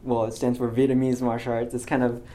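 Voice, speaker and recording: A young American man in his twenties, a graduating physics student, talks fast in a casual interview. His mid-range voice is completely flat, and he's soft-spoken and hesitant, full of ums and restarts.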